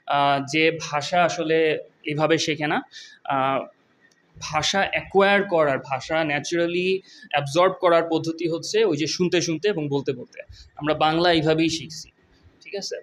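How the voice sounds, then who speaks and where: A young man from Bangladesh giving a casual video lesson on an English exam. He explains in a relaxed way and slows down to read English passages carefully. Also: on the high side. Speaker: IELTS teacher.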